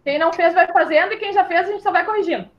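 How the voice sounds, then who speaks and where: In an online class, a southern Brazilian primary school teacher patiently takes young children through syllables, slowly spelling them out and calling each pupil "my love." She has a very high voice, and the sound is lo-fi.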